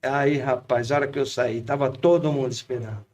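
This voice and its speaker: A man in his fifties, a pastor with a Brazilian Portuguese accent, telling a personal story in a lively, animated way. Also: medium pitch, a little fast. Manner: lively anecdotal storyteller, acts out quotes. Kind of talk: storytelling in casual chat.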